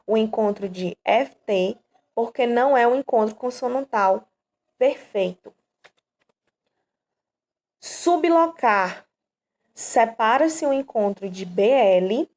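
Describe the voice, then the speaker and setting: Brazilian woman teacher, higher voice, patient step-by-step explainer, frequent check-ins. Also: a little mellow. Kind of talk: online grammar lesson.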